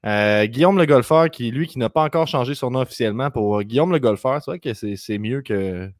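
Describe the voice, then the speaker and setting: On his podcast, a man with a Québécois French accent runs quickly through news items in casual chat, reeling off words rapidly. His mid-range voice is animated, and the studio recording is clean with no echo.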